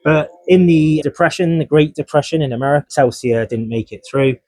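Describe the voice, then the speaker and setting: A man's voice: on the high side, brisk, a little mellow, dry recording. A man co-hosting a podcast, chatting casually about motorcycle racing and reading from his notes. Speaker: podcast co-host. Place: motorcycle dealership event.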